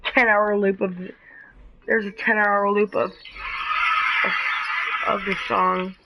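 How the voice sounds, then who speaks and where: Slow, creaky-voiced woman streaming a game. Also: mid-range voice, level tone, pushed and bright. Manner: rambling, halting, with frequent restarts. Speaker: gaming streamer. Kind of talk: casual live-stream commentary. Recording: dull lo-fi stream audio with faint noise.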